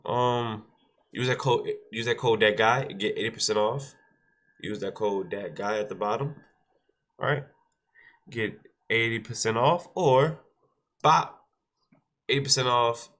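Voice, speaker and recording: With a lowish, somewhat bright voice and a stuffed-up nose, this day-trading streamer addresses his chat directly. He's repetitive and exhorting in his casual talk, which also features a short devotional.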